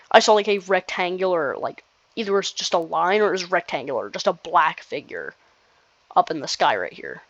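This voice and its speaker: Casual gameplay commentator, rambles and restarts a lot, very lively delivery, dry close lo-fi recording. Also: medium pitch, moderate pace, no room sound. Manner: rambling, restarts sentences, nervous laughs.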